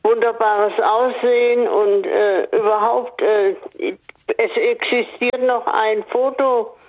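A woman's voice: on the high side, steady tone. Older woman on a tinny phone line. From northern Hesse. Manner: slow, hesitant, many pauses and fillers. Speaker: radio caller. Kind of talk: phone-in chat on radio. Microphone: telephone.

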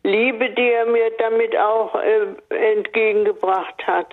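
A woman's voice: a little high, steady tone. Older woman on a tinny phone line. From northern Hesse. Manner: slow, hesitant, many pauses and fillers. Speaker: radio caller. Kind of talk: phone-in chat on radio. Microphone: telephone.

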